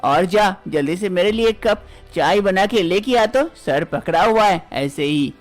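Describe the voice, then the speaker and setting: A woman's voice: medium pitch, animated, a little slow, soft background music, close to an everyday voice. A woman voicing a bossy older mother-in-law in a cartoon story, scolding and dismissive in a brusque manner.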